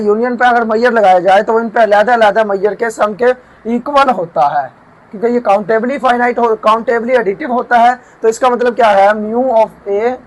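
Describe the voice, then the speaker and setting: A man teaching math, walking through a proof and slowing down to dictate each formula term by term. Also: very high voice, poor audio. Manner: often checks in with "theek hai". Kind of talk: lecture explaining a proof.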